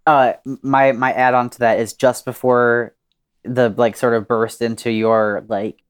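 Fields: excitable young man rambling. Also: mid-range voice, unhurried, smooth. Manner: excited, rambling, full of fillers and swearing. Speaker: podcast co-host. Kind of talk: casual story brainstorming.

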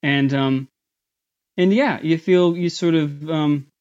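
A man guesting in a casual interview about his voice acting work, talking in a halting way with many fillers and restarts. His voice is somewhat high. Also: darkish tone, clear, resonant tone, highs cut off. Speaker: voice actor guest.

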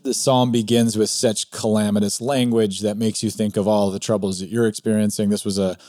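Pastor guy musing on a podcast, lowish mellow voice, dry close mic. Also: little pitch movement, a little fast, no echo. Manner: reflective, with frequent restarts. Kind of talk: casual chat.

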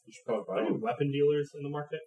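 A man's voice: on the high side, very fast, dark tone. A man chatting casually and jokingly as a player in a tabletop game. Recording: echoey room, faint noise.

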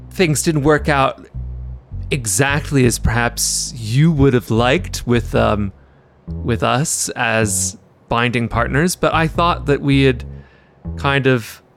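A man's voice: medium pitch, vocal fry. A man playing a timid young male character in a tabletop game, hesitant and stammering. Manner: hesitant, stammering, soft-spoken. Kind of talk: tabletop role-play.

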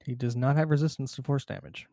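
A man's voice: mid-range voice, fast talker, gravelly, no room sound, studio quality. A man narrating and explaining rules as game master of a tabletop game. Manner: relaxed, chatty rules explanations.

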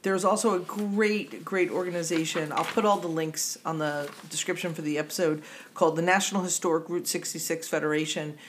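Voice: mid-range voice, steady tone, fairly quick, fairly bright tone, a little hiss or hum. A podcast co-host with a New Jersey accent in casual, digressive chat who laughs easily.

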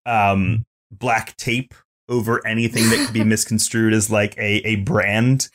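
A man co-hosting a casual podcast, thinking aloud haltingly with many fillers and restarts. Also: fairly low pitch, little pitch movement, fairly bright tone. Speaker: podcast co-host. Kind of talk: casual chat reviewing a show.

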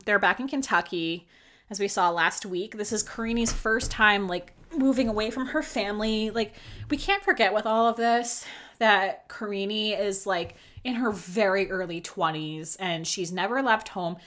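In this solo podcast commentary, a young woman breaks down a reality show with sarcasm and a chatty ease, swearing freely and saying "like" constantly. Her voice sits in the mid range, moves at a normal speed and sounds fairly bright.

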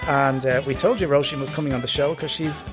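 A man's voice: mid-range voice, steady tone, fast talker, music in the background. A man hosting a podcast in a casual, conversational interviewing style. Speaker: podcast host.

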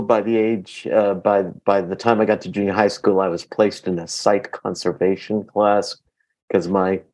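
Sitting low and a little mellow, the voice belongs to an actor appearing as an interview guest and sharing personal stories in a conversational way. A native Greek speaker, he's from Queens, New York, where he grew up from early childhood.

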